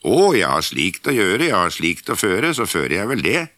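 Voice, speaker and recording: A man's voice: low-pitched, huge pitch swings, pushed and bright, dry recording, studio quality, full character voice. A man voicing a cheerful, boastful youngest peasant brother in a fairytale reading, with a gleeful singsong.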